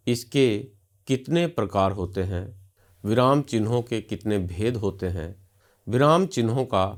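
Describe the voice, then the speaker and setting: Man, teacher, scripted lecture narration, formal, measured, somewhat low voice. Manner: formal, measured, didactic delivery.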